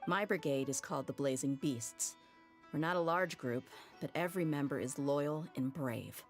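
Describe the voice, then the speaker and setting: In a game cutscene, an actress voices a tough, blunt mercenary leader who is frank and guarded and uses casual slang. Her female voice is low and at normal speed, with faint music in the background.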